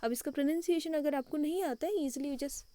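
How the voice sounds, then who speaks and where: A woman's voice: high-pitched, brisk, dark tone, no room sound. A woman teaching an English lesson, switching between Hindi and English and spelling words out letter by letter.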